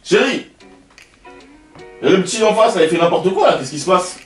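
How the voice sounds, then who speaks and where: A man voicing an outraged, nosy male neighbor who complains to his wife with shrill, indignant exclamations. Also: lively intonation, moderate pace, distant mic. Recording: roomy, away from the mic, faint music.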